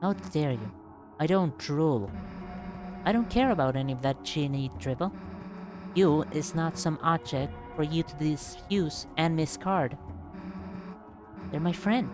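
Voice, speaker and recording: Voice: medium pitch, close to an everyday voice. Performer putting on an indignant, possessive protector. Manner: indignant, pleading, garbles phrases. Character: fiercely possessive, earnest protector of a frog friend.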